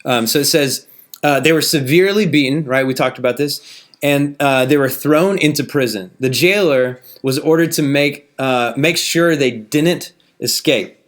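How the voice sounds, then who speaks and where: A man delivering a sermon in a relaxed, conversational manner. His voice sits at an ordinary middle pitch. He reads scripture aloud and often checks in with his listeners through rhetorical questions. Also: normal speed. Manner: casual, conversational preaching with many rhetorical questions.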